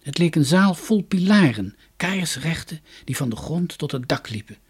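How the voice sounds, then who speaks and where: A man reading a fairy tale aloud, with calm, soft storybook narration. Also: a little high, moderate pace, husky.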